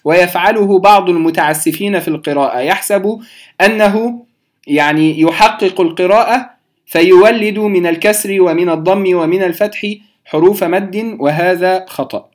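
Guy with a pretty high voice explaining recitation rules, patient, repeats terms slowly, talks right to his students. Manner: addresses listeners directly. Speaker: Quran recitation teacher.

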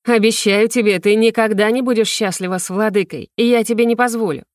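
A woman's voice: mid-range voice, steady tone, a little fast, no room sound, clean studio sound, lightly acted. A woman voicing an arrogant, scheming female former favorite of a ruler in an audiobook, sneering and haughty. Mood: threatening. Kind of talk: audiobook character voice.

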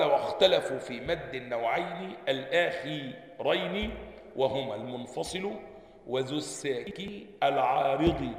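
A fairly high, gravelly male voice with an Egyptian accent, teaching a classroom lesson as a sheikh. He reads lines from a book and then explains them, keeps asking listeners questions and answers them himself. The sound carries a long, roomy reverb. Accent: Egyptian Arabic. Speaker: sheikh teaching Quran sciences. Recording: echoey hall with long reverb.

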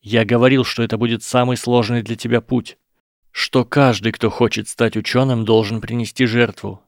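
A man voicing an earnest boy wizard who explains things in a measured, persuasive way. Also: mid-range voice, flat delivery, no room sound, clean studio sound, natural voice. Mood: apologetic pleading. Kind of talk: audiobook character voice.

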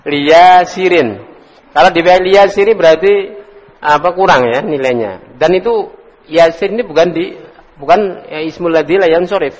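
A man with a fairly high voice teaches an Arabic class at normal speed, calling on students by name and drilling words casually. He chuckles as he goes, and the recording comes from an echoey hall.

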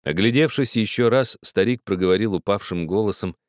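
A man narrating a story as an audiobook reader, with expressive, measured storytelling. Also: on the low side, no room sound, clean studio sound. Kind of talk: scripted narration.

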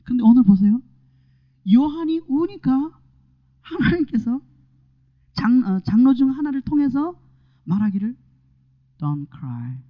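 A man preaching a sermon, dropping to whispers and rising to loud calls, often asking his listeners questions. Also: very high voice, expressive, a little slow, long pauses. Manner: swinging from hushed whispers to loud exclamations, asking the congregation questions. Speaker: pastor. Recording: dull lo-fi sermon recording.

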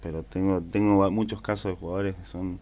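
Low-voiced Argentine man, relaxed guest. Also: lo-fi sound. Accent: Argentine Spanish. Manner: relaxed, halting, with frequent restarts. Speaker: polo player guest. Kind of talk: casual interview chat.

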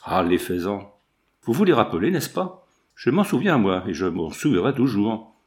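A man's voice: fairly low pitch, big pitch swings, moderate pace, a little mellow. A man voicing a sneering brutal bandit. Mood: gloating. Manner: gruff, mocking, gloating. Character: brutal English renegade bandit, male, sneering. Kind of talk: audiobook character voice.

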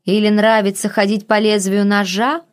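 A woman's voice: mid-range voice, level tone, normal speed, lightly acted. A woman voicing a cocky, sarcastic man who teases and scolds. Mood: mocking. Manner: sardonic, teasing. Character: mocking, cocky young man, sharp-tongued.

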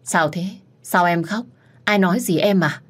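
A woman's voice: fairly low pitch, measured pace. A woman voicing a devoted young husband who is tender and possessively jealous of his wife. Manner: earnest, possessive.

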